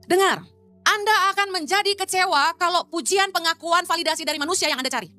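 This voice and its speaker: Blunt high-voiced woman preaching. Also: fast talker, bright, forceful tone, no echo, soft background music. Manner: blunt, emphatic, switches into English phrases. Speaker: pastor. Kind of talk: sermon.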